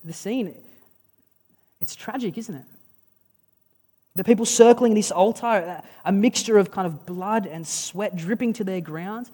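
A preacher delivering a sermon, retelling a story with dramatic pauses in a casual, conversational way. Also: medium pitch, dark tone. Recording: long reverb of a large hall.

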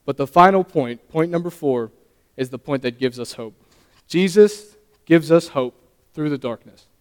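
A young man giving his first sermon as a lay preacher, earnest and halting, often stumbling and restarting his sentences. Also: on the high side, lively intonation, clear, resonant tone. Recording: long reverb of a hall.

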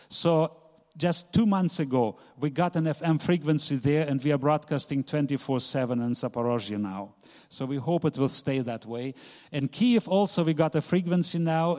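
A man's voice: fairly high pitch, darkish tone. A middle-aged man giving an informal slide talk about a ministry as its presenter. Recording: long hall reverb.

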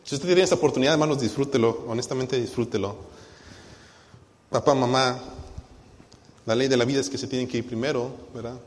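A man with a Mexican accent preaching a sermon to his congregation, moving from loud exhortation to quiet, personal storytelling. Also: medium pitch, fairly quick, pauses often, big-room sound. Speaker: pastor. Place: church.

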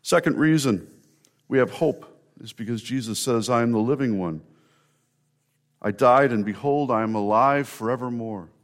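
A male pastor preaches to his congregation in an ordinary mid-range voice at a moderate pace. He speaks earnestly, stacking up emphatic repetitions to hammer his point home.

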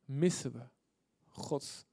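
A man preaching a sermon, reading scripture out loud with force and dropping to quiet asides, often putting questions to his listeners. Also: medium pitch, extremely slow, vocal fry, breathy edge, no echo, studio quality. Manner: asks the audience questions often.

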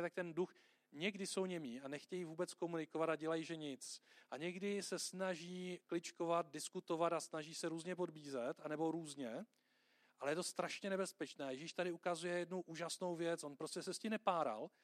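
Conversational preacher, a man with a fairly high voice. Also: dry recording, clean studio sound. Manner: conversational, checks in with listeners. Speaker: pastor. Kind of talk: sermon.

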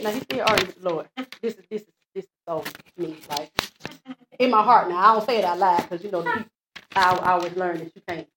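A woman preaching in a church before the pastor, retelling Bible stories in a lively, repeating way and acting out the quotes. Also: mid-range voice, noisy background. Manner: lively, repeats phrases, acts out quotes, laughs at herself. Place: church sanctuary. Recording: echoey church room.

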